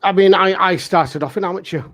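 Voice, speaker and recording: Quick-paced and a bit bright, this man's high-sitting voice belongs to a forty-five-year-old pantomime dame who also directs amateur theatre. Appearing as a panel guest, he talks casually yet earnestly and emphatically, frequently repeating things for emphasis.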